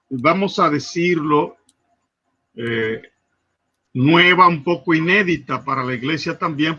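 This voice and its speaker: Measured pastor with a bright, forceful voice. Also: male voice, fairly high pitch. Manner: measured, hesitant. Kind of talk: religious talk show discussion. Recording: dull lo-fi audio.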